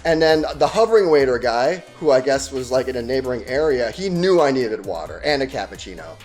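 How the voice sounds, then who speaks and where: A male travel vlogger with a voice of ordinary, middle pitch. He tells his stories in a chatty, animated way, full of "uh" and "like". Soft music plays faintly behind him. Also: a little fast. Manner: chatty, animated storytelling with fillers. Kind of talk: casual travel vlog narration.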